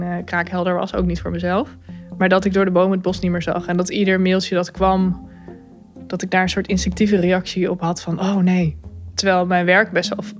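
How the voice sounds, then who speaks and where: A woman telling her own story, thoughtful and candid, pausing with fillers and small laughs. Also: fairly low pitch. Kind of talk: personal account, reflective.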